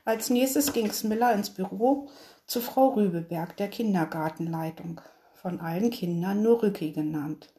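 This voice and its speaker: A woman reading a children's story aloud in a gentle storytelling manner. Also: medium pitch, unhurried. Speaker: narrator.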